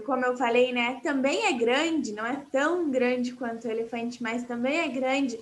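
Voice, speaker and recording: A woman's voice: high-pitched, a bit bright. A woman with a Brazilian accent teaching Portuguese vocabulary in an online class, explaining patiently and repeating words for her students.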